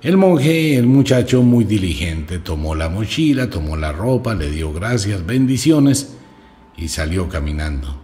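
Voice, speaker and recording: A man, narrating a fable in a dramatic, animated way. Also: sits low, a little slow. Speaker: radio storyteller. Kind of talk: storytelling.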